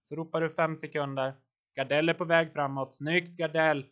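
A man with a fairly high voice coaches his riders live, cheering them on and calling out power numbers. The audio is dull and lo-fi, like a voice-chat stream. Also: steady tone, a little hiss or hum. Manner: encouraging, calls out watts and turns. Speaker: team coach.

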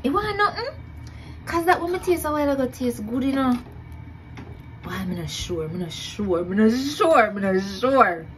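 A woman's voice: fairly high pitch, lively intonation, normal speed, noisy background. A young woman with a Jamaican accent chatting casually as she cooks in her home kitchen, repeating herself and laughing at her own efforts. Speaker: cooking vlogger. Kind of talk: casual cook-along chat.

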